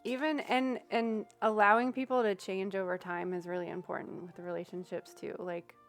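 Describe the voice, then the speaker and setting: With soft music in the background, a young tarot-reading streamer talks casually to her livestream audience, musing out loud with many fillers. Her mid-range voice is flat in delivery and moves at a normal speed.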